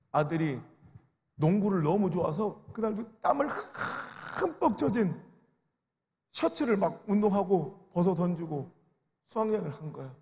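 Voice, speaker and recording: Male pastor, emotional storytelling sermon, high gravelly voice, big reverberant hall. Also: darkish tone. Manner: storytelling, acts out quoted voices with sobbing cries. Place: large prayer retreat sanctuary. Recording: reverberant large worship hall.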